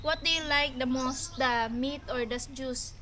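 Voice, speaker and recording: A woman's voice: high-pitched, steady tone, unhurried, crowd noise. A woman in her thirties with a Filipino accent, chatting informally to viewers in a casual home vlog. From Philippines. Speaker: family vlogger.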